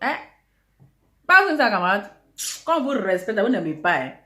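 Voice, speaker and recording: A woman's voice: mid-range voice, sing-song, normal speed, fairly bright tone, reverberant. A woman hosting a casual gossip vlog, introducing herself in a boastful, theatrical way with repeated catchphrases. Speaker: online video host.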